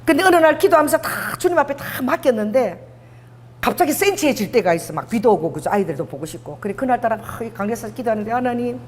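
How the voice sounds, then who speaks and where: A woman's voice: fairly high pitch, fast talker. A middle-aged woman pastor with a Busan accent preaching a sermon, telling stories animatedly and acting out dialogue. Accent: Busan dialect. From Busan, South Korea. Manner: animated storytelling, acts out dialogue, laughs often. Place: church sanctuary. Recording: long hall reverb.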